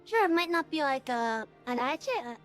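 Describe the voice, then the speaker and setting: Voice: sits high, very animated, fairly quick, a bit bright, faint music behind. Streamer through a voice changer. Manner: rambling, many fillers and restarts. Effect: voice changer, real-time. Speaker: game streamer. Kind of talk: casual live-stream chat.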